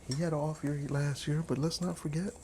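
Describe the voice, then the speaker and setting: A man cooking in his home kitchen chats casually in an ASMR cook-along style, playfully repeating and stretching out his words. His voice is a little high and steady, his pace a little fast, with background noise audible.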